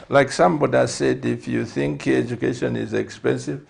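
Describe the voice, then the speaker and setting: A man, hosting a TV interview and asking measured, deliberate questions. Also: mid-range voice, fairly even intonation, vocal fry, breathy edge. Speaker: talk show host and pastor.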